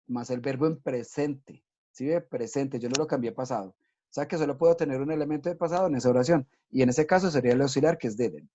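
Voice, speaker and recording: In this recorded online class for children, a man teaches English with patience, breaking things down step by step and frequently checking in with "¿listo?". His voice is warm and sits at a medium pitch, captured on a dull, lo-fi recording.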